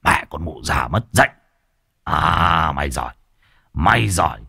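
A man's voice: rumbling low, lively intonation, measured pace, sharp tone, no room sound, studio quality, voice pushed down, full character voice. A man voicing a brutal, hot-tempered village official who curses and barks orders. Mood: furious. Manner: gruff, cursing, commanding.

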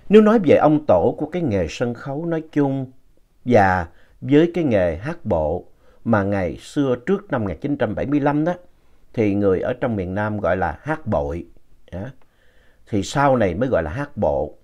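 A man narrating a ghost story in a slow, retelling manner. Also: lowish voice, sing-song, dark tone, muffled recording.

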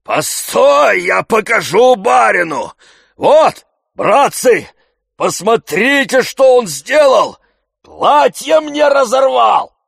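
A man voicing a grumpy old male servant who wheezes hoarsely and scolds hotly. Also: medium pitch, lively intonation, no room sound, clean studio sound, pitched above the performer's own voice. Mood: shouting. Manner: heated, scolding, quick to shout.

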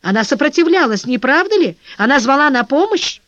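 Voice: sits high, very animated, brisk, fairly bright tone, dry recording, voice pushed up. A narrator voicing an anxious young male workman in an audiobook, speaking in urgent, pleading exclamations. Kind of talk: audiobook character voice. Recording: dull dry lo-fi recording.

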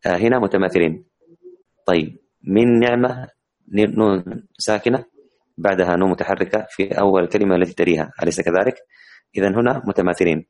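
A man teaching the rules of Quran recitation in an online class, explaining with many hesitant, drawn-out fillers. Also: low-pitched, darkish tone.

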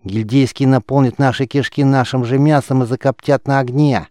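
A man voicing a calm, stern teenage gang leader who questions curtly, in an audiobook. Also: mid-range voice, normal speed, no echo, studio quality, pitched above the performer's own voice, natural voice. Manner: curt, commanding, questioning.

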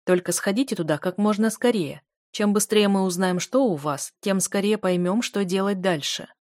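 A woman reading the lines of a worldly, wry man of about fifty in an audiobook, speaking in an unhurried, amused way. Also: mid-range voice, a little mellow, dry recording, studio quality, close to an everyday voice. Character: dry, ironic 49-year-old man, worldly.

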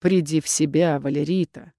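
A woman voicing a weary aristocratic man, a duke, who speaks slowly and coldly. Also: on the low side, no room sound, clean studio sound, lightly acted. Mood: stern. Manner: slow, flat and detached.

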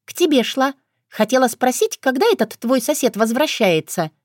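Woman reads a touchy teen girl in a storybook, pitched up, pouty and whiny, voice leaping around, dry close mic. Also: very animated, normal speed, no room sound. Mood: eager. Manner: petulant, indignant, whiny. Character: spoiled, touchy teenage girl, vain and quick to take offense. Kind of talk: audiobook character voice.

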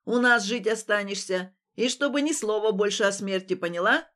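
A woman reading as a sharp-tongued old village woman, pitched lower than a plain female voice and pushed louder. She scolds with a slow, heavy tread, soft-hearted under the bluster. An audiobook figure. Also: natural voice. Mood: gruff. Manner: brusque, scolding.

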